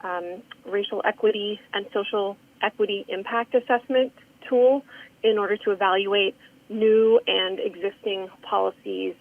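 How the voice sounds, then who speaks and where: A woman's voice: mid-range voice, fairly even intonation, a little slow, creaky. A woman calling in by phone to a council meeting, speaking earnestly with many ums and restarts. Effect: phone call. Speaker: public comment caller. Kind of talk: public comment. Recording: tinny phone line.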